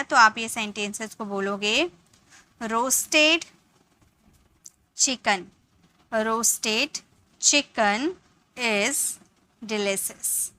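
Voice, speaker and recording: A woman teaching English verbs, repeating example sentences slowly with an Indian English accent. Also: high voice, pushed and bright. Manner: slow, drawn-out model sentences repeated for learners. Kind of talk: spoken English lesson.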